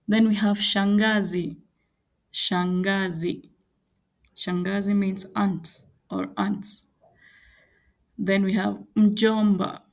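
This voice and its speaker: A woman teaching a language lesson, repeating each word slowly and carefully. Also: mid-range voice, level tone. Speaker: Swahili teacher.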